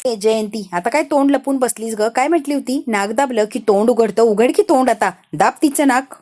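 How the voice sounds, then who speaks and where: Angry matriarch, scolding, woman doing the voice, slightly high, warm tone. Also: normal speed, natural voice. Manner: scolding, sharp-tongued. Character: furious older woman, mother-in-law type.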